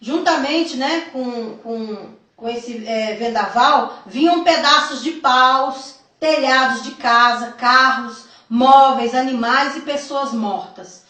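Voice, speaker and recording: A woman's voice: high-pitched, slow, few pauses, bright, forceful tone. A woman with a Brazilian Portuguese accent giving an earnest religious testimony as a missionary, addressing listeners as brothers. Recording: echoey, from far off the mic.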